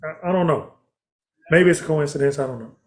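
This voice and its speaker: Reflective male Bible teacher with a fairly high voice, casual study talk, drops the odd hallelujah. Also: a little fast.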